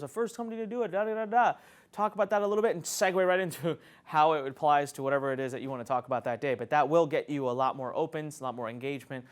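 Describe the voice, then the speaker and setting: A man teaching an online marketing lesson, enthusiastic and conversational, laughing often as he talks. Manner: enthusiastic, swoops up and down in pitch, frequent laughs. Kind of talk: energetic teaching talk to camera.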